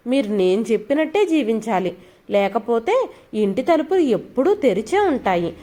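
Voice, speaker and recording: A woman voicing a bossy young daughter-in-law in a storybook, shouting and scolding. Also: on the high side, very animated, moderate pace. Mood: angry scolding.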